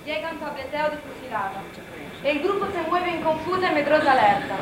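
A woman's voice: sits high, animated, fairly quick. A woman reading scripted stage directions as the narrator of a theatrical drama. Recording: echoey room with clear noise.

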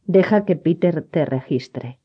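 A reader doing a wry small-town sheriff who asks pointed questions in a dry, level voice. The voice drops slightly lower than the narration, and the recording has a dull, lo-fi sound. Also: animated, slow, slightly rough. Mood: dry, probing.

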